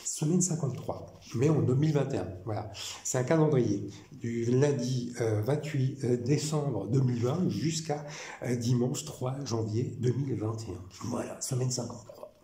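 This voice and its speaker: A man's voice: mid-range voice, normal speed. Rambling man in an echoey room. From France. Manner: rambling, repetitive, animated. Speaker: vlogger. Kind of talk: casual monologue. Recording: echoey room with faint noise.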